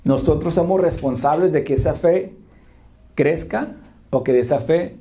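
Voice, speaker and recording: Warm, mellow pastor, informal sermon delivery, frequent quick asides to the congregation. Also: mid-range voice. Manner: restarts and corrects phrases while talking. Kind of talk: conversational sermon. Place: church sanctuary before a congregation.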